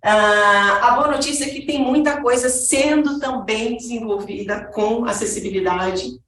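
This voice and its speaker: Speaking about accessibility in a conversational style, a Brazilian Portuguese-accented woman throws rhetorical questions at her audience at a measured pace. Her pitch is fairly high and a bit bright, heard from a distance in an echoey room with slight background noise.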